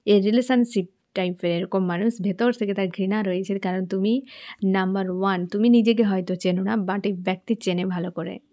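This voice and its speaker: Mellow-voiced woman doing a tarot reading. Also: medium pitch, steady tone, moderate pace. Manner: chatty, addresses the viewer as friend, asks "understand?". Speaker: tarot reader. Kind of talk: casual tarot reading to camera.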